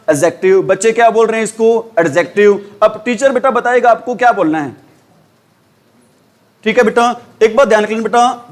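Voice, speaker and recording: Hindi-accented male teacher, middle-aged, higher voice, drilling rules by call and answer. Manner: quizzing students with repeated questions, calls them beta. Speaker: English teacher. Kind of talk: classroom grammar lesson.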